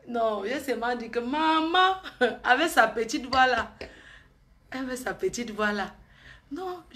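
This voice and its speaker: A woman, chatting and gossiping on a live stream, teasing and often laughing. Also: on the high side.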